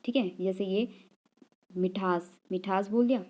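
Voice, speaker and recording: Unhurried and fairly even in intonation, this woman's medium-pitched, darkish voice guides an exam-prep grammar lesson. She repeats key terms, poses rhetorical questions, and keeps adding "ठीक है" ("okay") check-ins.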